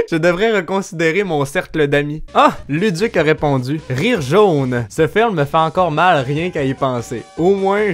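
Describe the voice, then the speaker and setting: A young man with a Québécois accent hosting a casual vlog, animated, laughing often and swearing casually. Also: on the high side. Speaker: YouTuber host.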